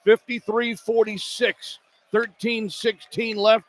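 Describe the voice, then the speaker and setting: A high-voiced American man speaks slowly and in a level tone while calling a basketball game on live radio. Working courtside in an indoor arena, he uses clipped phrases that track the action, and the broadcast has clear background noise.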